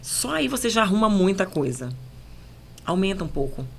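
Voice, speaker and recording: A woman journalist with a Paraense Brazilian accent, speaking as a podcast guest in a measured, emphatic, explanatory way. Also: medium pitch, very animated, creaky, slight background noise. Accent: Paraense Brazilian Portuguese. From Belém, Pará, Brazil. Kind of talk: podcast conversation.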